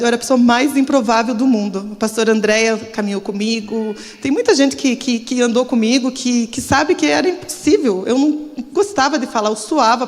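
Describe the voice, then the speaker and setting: A middle-aged woman pastor with a Brazilian Portuguese accent, giving an emotional, confessional testimony in a church service. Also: sits high. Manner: emotional, confessional, trembling with nerves. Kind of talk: testimony sermon. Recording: long church hall reverb.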